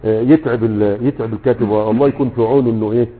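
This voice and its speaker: A man with an Egyptian accent teaching a grammar class, often pausing to ask his students rhetorical questions. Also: medium pitch, steady tone. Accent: Egyptian Arabic. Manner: keeps checking in with rhetorical questions. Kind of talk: lecture with a class. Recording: echoey, tinny phone-like sound.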